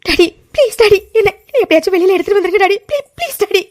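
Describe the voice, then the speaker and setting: A woman's voice: very high voice, lively intonation, racing, darkish tone. A woman voicing Maya, a whiny jailed young woman. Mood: pleading. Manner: whiny pleading, keeps saying daddy. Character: spoiled young woman jailed, tearful, pleading. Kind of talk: cartoon voice acting.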